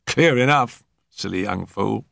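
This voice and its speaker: A man's voice: lowish voice, unhurried, vocal fry, fairly bright tone, no room sound, clean studio sound, voice pushed up, exaggerated voice. A man voicing a talkative male police constable who gossips eagerly about a case. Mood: gossipy.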